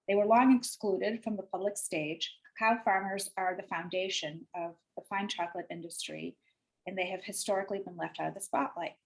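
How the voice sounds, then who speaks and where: A woman hosts a webinar over a video call at a middle pitch. She reads announcements and introductions with many uhs between phrases. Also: rough recording. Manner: reads announcements with frequent uh fillers. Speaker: webinar host. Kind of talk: hosting a webinar interview.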